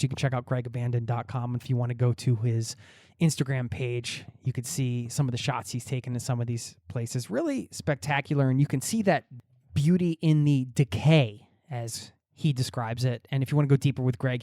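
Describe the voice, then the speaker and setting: A man's voice: medium pitch, no echo, clean studio sound. A male podcast host speaking in an upbeat, friendly way as he introduces and interviews a guest. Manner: upbeat, friendly addresses to listeners.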